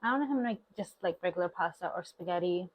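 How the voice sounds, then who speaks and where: A woman in her thirties, a stay-at-home mom vlogger, chats informally and meanderingly to viewers through a clip-on lapel mic. Her voice is fairly low, with lively intonation, and she speaks very fast.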